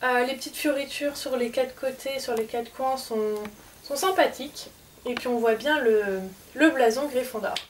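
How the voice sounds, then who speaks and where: A woman's voice: high voice, moderate pace, recorded from a distance. Chatty woman filmed from off-mic. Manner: chatty, hesitant with many fillers. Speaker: collector showing souvenirs. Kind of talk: casual unboxing vlog. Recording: off-mic with faint background noise.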